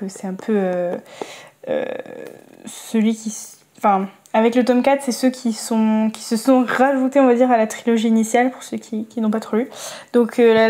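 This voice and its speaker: A young woman talking casually about books and reading quotes aloud slowly, hesitating often with fillers. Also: a little high, warm tone. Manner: hesitant, many fillers, reads slowly and carefully. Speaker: book vlogger.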